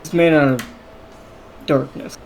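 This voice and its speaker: A man's voice: on the high side, level tone, a little slow, gravelly, a little mellow. A man narrating as game master, hesitant and full of fillers.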